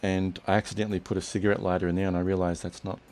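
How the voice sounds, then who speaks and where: Deep-voiced male chat host. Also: racing. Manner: relaxed, rambling with restarts. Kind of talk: casual chat.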